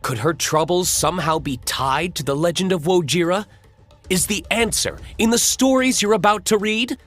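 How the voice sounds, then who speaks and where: An audiobook narrator reading a children's adventure story with expressive storytelling. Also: medium pitch, normal speed.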